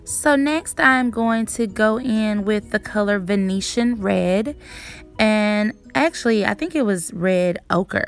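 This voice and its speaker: Young female beauty vlogger, casual and chatty tutorial delivery, clean smooth tone with noticeable vocal fry. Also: mid-range voice, fairly bright tone. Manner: chatty, emphatic word repetition. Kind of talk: casual makeup tutorial narration.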